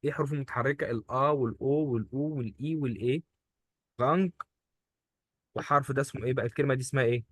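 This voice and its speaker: Racing along in a mid-range, fairly bright voice with no room sound, a man with an Egyptian Arabic accent gives a one-on-one German pronunciation lesson. He stays patient, going over each word repeatedly for the student.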